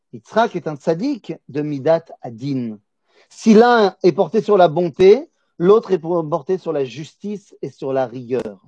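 A man with a high voice and a Polish accent teaches a religious lesson. He stresses key words by repeating them and asks questions that he answers himself. The recording is dull and very dry, with no room sound. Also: darkish tone, no room sound. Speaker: Torah teacher.

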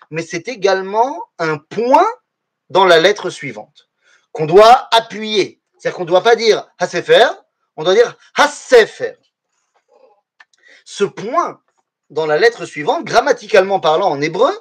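A man teaching a lesson to his students, explaining things step by step and often throwing questions back at the class. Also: high voice. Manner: animated, asks the class rhetorical questions.

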